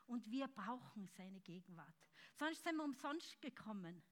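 Fervent high-voiced woman preaching. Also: sing-song, unhurried. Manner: fervent, swings between loud shouts and soft intimate speech. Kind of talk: charismatic sermon.

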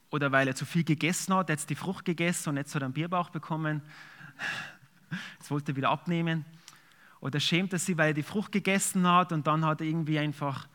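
A man's voice: a little high, bright, forceful tone. A man preaching a sermon, reading scripture aloud and then explaining it in a conversational way with fillers. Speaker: pastor.

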